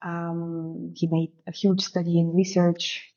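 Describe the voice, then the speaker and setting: A woman's voice: lowish voice, level tone, takes it slowly, mellow. A woman in her thirties from Bulgaria, telling her story as a guest in a casual interview, reflective and full of "you know" fillers. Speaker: guest, shamanic guide. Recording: muffled lo-fi recording.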